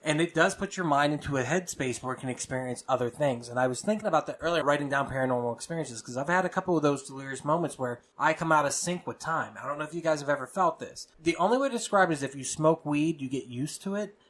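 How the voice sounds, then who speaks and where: A man's voice: fairly high pitch, fast talker, few pauses, fairly bright tone, slight background noise. A man co-hosting a casual podcast, telling loose stories and swearing freely. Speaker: podcast co-host.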